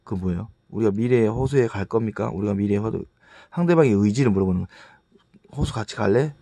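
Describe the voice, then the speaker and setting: A man teaching English grammar in a casual, halting lecture, often restarting words and reading example sentences slowly with a Korean accent. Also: fairly low pitch, mellow, dry recording. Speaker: English tutor.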